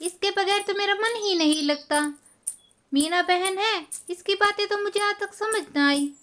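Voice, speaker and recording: A woman's voice: very high voice, a little slow, fairly bright tone, pitched above the performer's own voice. A woman voicing a chatty young village wife who gossips with her neighbors.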